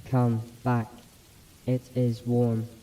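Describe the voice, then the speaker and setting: A man doing a thing in the woods that mimics a young man's voice, calm in a way that feels wrong, its cadence robotic. The voice sits far from the mic and sounds dark and mellow. Faint rain patters behind it. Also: mid-range voice, very slow, a little hiss or hum, pitched above the performer's own voice. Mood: eerily calm.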